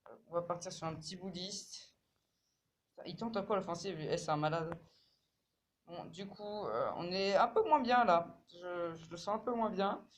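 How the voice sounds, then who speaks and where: A man commentating his own mobile game match in casual French slang, swearing and repeating words when excited. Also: high-pitched, normal speed, slight background noise.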